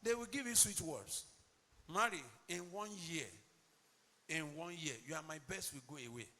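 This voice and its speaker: A male pastor preaching a sermon emphatically, swinging between loud declarations and low asides. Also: big pitch swings, measured pace, long reverb tail.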